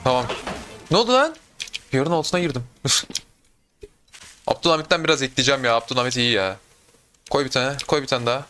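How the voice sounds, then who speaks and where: A young adult man doing casual gameplay commentary, excitable, talking to himself and viewers with sudden yelps. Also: medium pitch, fast, long pauses, slight background noise. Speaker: gaming YouTuber.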